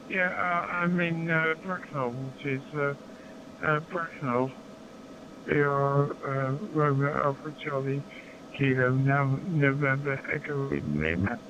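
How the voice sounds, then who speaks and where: An older man with an English accent, chatting haltingly over a crackly two-way radio with long hesitant pauses. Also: a little high, fairly bright tone. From Somerset, England. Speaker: amateur radio operator. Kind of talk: amateur radio contact chat. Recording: muffled noisy digital radio link.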